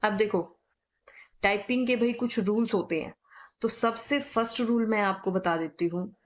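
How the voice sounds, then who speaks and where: A woman with a North Indian Hindi accent teaching typing in a casual spoken tutorial, repeating her points and checking in often. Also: mid-range voice. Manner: repetitive, checks in with "ठीक है"; spells letters out slowly.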